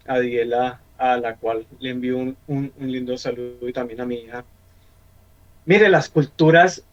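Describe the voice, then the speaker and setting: A middle-aged man with a Colombian accent speaks earnestly in a church discussion. He often repeats a word before moving on. His voice sits fairly high, and the sound is dull and lo-fi. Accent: Colombian Spanish. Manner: earnest, repeats words as he searches for them. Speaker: church member on a panel.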